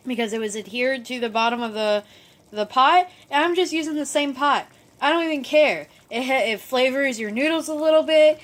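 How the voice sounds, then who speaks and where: A woman talking casually through a cooking vlog, a bit drunk, rambling and easygoing as she reassures her viewers. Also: fairly high pitch. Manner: easygoing, self-deprecating, reassuring. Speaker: cooking vlogger.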